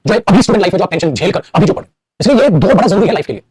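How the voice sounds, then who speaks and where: A young man lectures an English grammar class, his husky voice leaping up and down in a lively way. He rattles on at a racing pace and calls his students beta and bhai. The sound is dry and close. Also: high-pitched, very fast, no echo. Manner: animated, addresses students as beta and bhai, playful acted asides.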